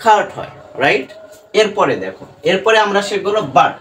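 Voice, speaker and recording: A man's voice: sits high, animated, moderate pace, a bit bright. A man teaching English pronunciation to students in a lesson, who keeps asking questions and answering them himself. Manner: asks questions and answers them himself, repeats "right?" and "dekho". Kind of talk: classroom-style lesson addressing students. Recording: faint background noise, a bit distant from the mic.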